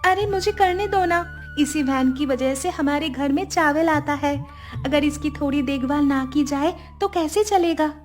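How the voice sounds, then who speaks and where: A woman voicing a young daughter-in-law in a cartoon, shrill and pleading. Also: a little slow, soft background music. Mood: cheerful. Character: young daughter-in-law Mala, defiant then tearful. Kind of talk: cartoon voice acting.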